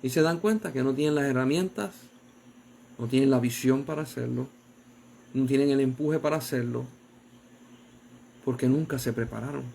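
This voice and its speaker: A man preaching a sermon as an evangelist, fervent, dropping to low murmurs and rising to loud exclamations, asking his listeners direct questions. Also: normal speed, vocal fry, pauses often, a little hiss or hum.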